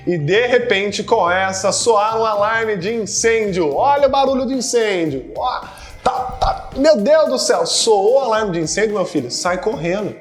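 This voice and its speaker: A man's voice: sits high, lively intonation, normal speed, faint music behind. A man with a Brazilian Portuguese accent teaching a video lesson, playfully acting out little everyday scenes.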